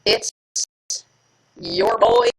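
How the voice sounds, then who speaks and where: Speaking extremely slowly, a woman hosts a home live stream, chatting and joking casually with viewers and making fun of herself. Slight background noise can be heard.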